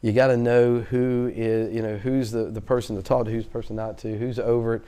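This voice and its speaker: Fast-talking man, dark voice. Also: medium pitch, smooth. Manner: fast-talking, chatty, animated storyteller. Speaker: auctioneer, guest. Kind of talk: casual interview storytelling.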